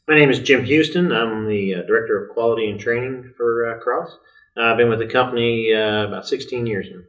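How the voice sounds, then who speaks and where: A man speaking as a podcast guest, explaining things in a measured way with fillers. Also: mid-range voice, a bit bright, far from the mic, poor audio. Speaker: director of quality and training. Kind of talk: casual podcast conversation.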